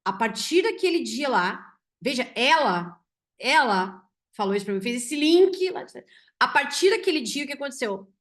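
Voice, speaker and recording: A woman physician with a Brazilian Portuguese accent tells a patient case to her audience. She speaks in an animated way and often ends her sentences with "né?". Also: high voice, moderate pace. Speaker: physician teaching symbolic medicine. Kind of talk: storytelling a case to an online audience.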